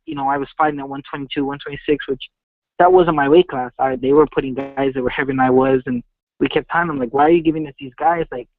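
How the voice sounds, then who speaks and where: A man's voice: fairly high pitch, dry recording. A man in his twenties, a boxer giving a casual phone interview, speaking earnestly and confidently in short bursts. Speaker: professional boxer being interviewed. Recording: muffled phone line.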